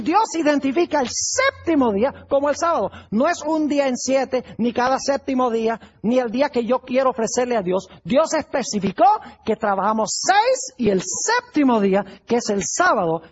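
A man's voice: very high voice, very animated, normal speed, breathy edge, dull audio. A male pastor preaching a sermon, putting rhetorical questions to his congregation.

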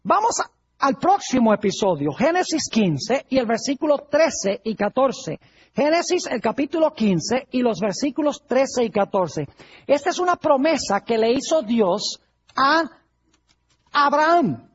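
A preacher delivering a sermon to a congregation, retelling Bible stories as a lively storyteller who acts out the quoted lines. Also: high-pitched, unhurried, breathy edge. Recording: dull lo-fi recording.

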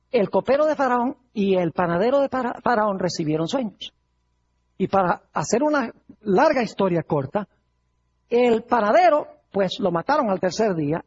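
A preacher delivering a sermon to a congregation, retelling Bible stories as a lively storyteller who acts out the quoted lines. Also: medium pitch, slightly rough. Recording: dull lo-fi recording.

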